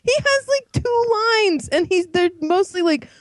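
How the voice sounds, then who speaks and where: A woman casually discussing a film on a podcast, animated and full of "like". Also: very high-pitched, a little slow, no echo, clean studio sound. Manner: animated, uses "like" a lot. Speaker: podcast co-host.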